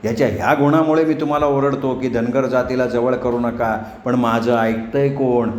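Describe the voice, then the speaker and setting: A man playing a hot-tempered, stingy middle-aged village uncle who shouts angrily in a storybook reading, in an echoey room. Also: fairly even intonation, moderate pace, close to an everyday voice. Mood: angry. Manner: angry shouting, raised pitch. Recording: echoey room, faint noise.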